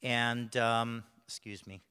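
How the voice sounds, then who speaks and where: A man with a cough gives a personal testimony in a church, his voice smooth and resonant with a long hall reverb trailing behind it. He speaks at a middling pitch, halting and restarting often. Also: little pitch movement, pushed and bright. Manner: halting, with many restarts and fillers. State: bad cough, clears throat. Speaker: church member sharing a testimony. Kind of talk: personal testimony told to a congregation.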